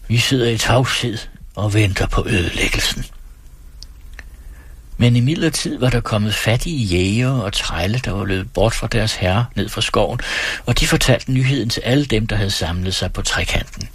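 A man hosting a radio show, reading fiction aloud in a calm, measured way into a studio microphone. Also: on the low side, slightly rough, no echo. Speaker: radio host reading stories.

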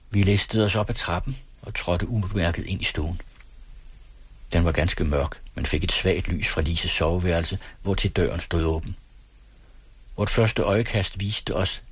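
A man reading a first-person literary story aloud in a measured way. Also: sits low, breathy edge, no room sound. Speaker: audiobook reader.

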